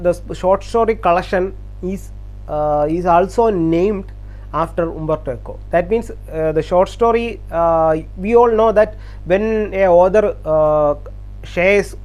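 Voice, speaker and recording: A channel host from Kerala, India, whose first language is Malayalam, talks casually to camera. His voice is high-pitched and a little mellow, and his speech is halting, with repeated words and frequent "uh" fillers.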